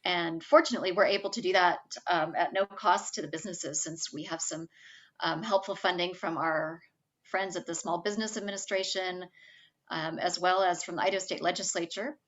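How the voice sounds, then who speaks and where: A middle-aged woman with a husky whiskey voice, talking casually as a podcast guest and joking at her own expense. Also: fairly low pitch, steady tone, brisk, dull audio. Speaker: guest, small business center director.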